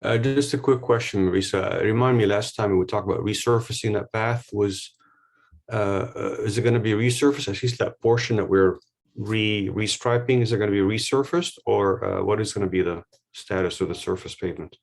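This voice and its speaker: A man's voice: on the low side, a little fast, vocal fry. A man commissioner asking stumbling questions with lots of uh at a public meeting.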